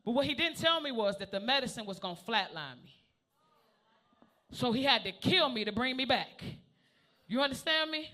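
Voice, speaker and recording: A man in his thirties doing a loud, profane stand-up set on a comedy club stage, constantly calling out to the crowd. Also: extremely high pitch, lively intonation, moderate pace, long pauses.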